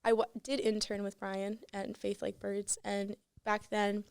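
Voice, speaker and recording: A teenage girl guesting on a podcast shares her personal story casually and earnestly, peppering it with "like" and "you know." Her medium-pitched voice is flat and unhurried, with a clean tone and no echo.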